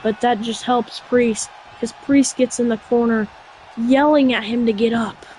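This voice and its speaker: A woman calling a wrestling video game match play by play in a high voice. She is excitable and chatty and bursts into shouts at big moments. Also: unhurried, slight background noise, rough recording. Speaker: game commentator.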